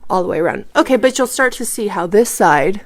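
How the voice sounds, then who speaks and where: A woman's voice: mid-range voice, animated, a little fast. A woman teaching a live craft tutorial, explaining each step and checking in with the viewers. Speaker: craft instructor.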